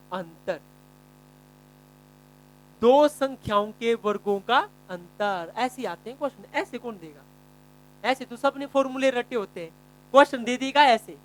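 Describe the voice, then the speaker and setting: A male math teacher giving a classroom lesson, quizzing students by name and repeating key phrases slowly. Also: very high-pitched, low-quality recording.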